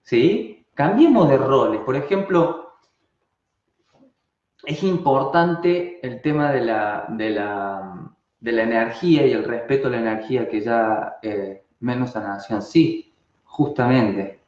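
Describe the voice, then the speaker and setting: A man's voice: mid-range voice, takes it slowly. Argentine man teaching, rhetorical questions. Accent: Argentine Spanish. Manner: animated, asks rhetorical questions and answers them. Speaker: online course teacher. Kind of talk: live online class talk. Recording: dull, roomy sound.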